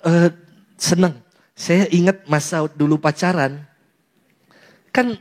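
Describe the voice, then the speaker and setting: High-voiced chatty priest. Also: male voice. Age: young adult. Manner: chatty storytelling, acts out quotes, laughs often. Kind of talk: humorous homily.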